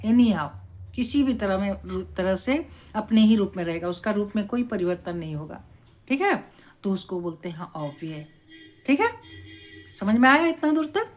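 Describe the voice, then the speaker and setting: A woman teaching a Sanskrit class, explaining slowly and deliberately and often checking in with her students. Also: mid-range voice, a little mellow. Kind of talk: classroom lesson.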